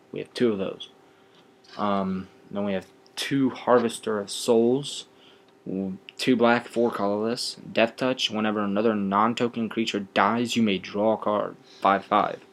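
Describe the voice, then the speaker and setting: A young man with a fairly low voice walks through a card game deck in a halting, offhand way. He sounds a little bored and fills his pauses with ums. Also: fairly even intonation. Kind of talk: casual deck explanation.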